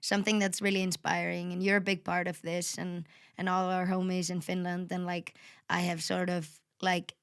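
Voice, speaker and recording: A woman's voice: fairly low pitch, completely flat delivery, normal speed, clear, resonant tone. A young woman hosting a podcast, talking enthusiastically and swearing casually. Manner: enthusiastic, swears casually, says "sick" a lot. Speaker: podcast host.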